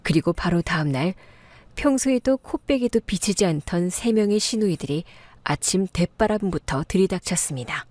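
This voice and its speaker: A woman giving a steady, low-key scripted first-person narration of a dramatic family story. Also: moderate pace, no room sound.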